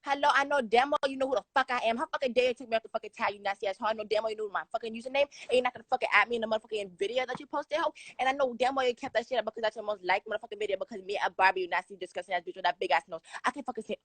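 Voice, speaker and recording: A young woman calling in to a livestream, roasting the hosts in a rapid-fire, profane, mocking rant. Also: a little high, a bit bright, no room sound. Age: young adult. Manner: rapid-fire crude insults, aggressive and mocking. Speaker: caller on a livestream.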